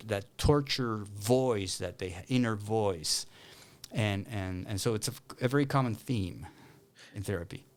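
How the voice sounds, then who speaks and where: A man from Argentina, a clinical counsellor, explaining his work in an interview with many pauses and restarts. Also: on the low side. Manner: thoughtful, many fillers and restarts. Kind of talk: interview conversation.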